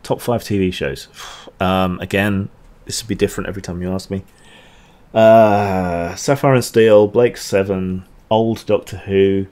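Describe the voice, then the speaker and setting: A man's voice: sits low, fairly even intonation, a little slow, darkish tone. A man answering chat questions on a casual livestream, rambling and hesitant with dry asides.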